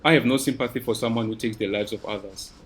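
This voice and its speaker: A man's voice: medium pitch, quick pace, a little hiss or hum, close to an everyday voice. A man voicing a blunt, defiant policewoman. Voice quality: sweet yet obnoxious. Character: confident, sharp-tongued young policewoman.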